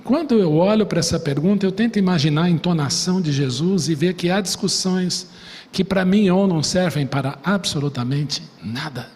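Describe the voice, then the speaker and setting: Brazilian male pastor, high-pitched, dramatic sermon delivery, recorded in a reverberant church. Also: normal speed. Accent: Brazilian Portuguese. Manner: dramatic retelling, voicing the desperate father in soft low tones. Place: church sanctuary. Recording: long reverb of a church hall.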